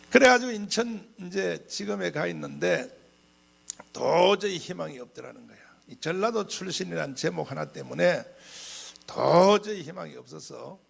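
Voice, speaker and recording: Gravelly, husky male pastor preaching. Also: fairly high pitch. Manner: animated, frequent throat clearing. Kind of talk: sermon storytelling.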